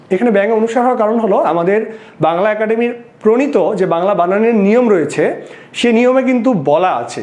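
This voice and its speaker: A man's voice: extremely high pitch, darkish tone. A man teaching a recorded exam prep lesson in a Bangladeshi Bengali accent. He asks the class questions and then answers them himself. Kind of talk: recorded lecture. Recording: echoey room.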